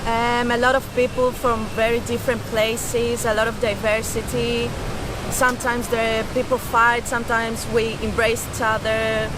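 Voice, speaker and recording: A woman answers in a relaxed, slangy way. Her voice sits a little high. She is outdoors near the sea, with the clear sound of waves behind her. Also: moderate pace, noisy background. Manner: laid-back and slangy. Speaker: interviewee. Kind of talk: casual street interview.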